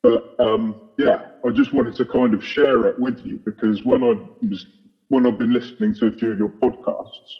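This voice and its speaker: Brief: anonymous male interview guest, disguised deep voice, breathy and muffled lo-fi, hesitant and halting. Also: fairly even intonation. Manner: hesitant, many fillers and restarts. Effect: voice electronically altered and deepened to hide his identity. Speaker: podcast guest, aerospace engineer. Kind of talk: casual interview chat. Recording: dull lo-fi processed audio.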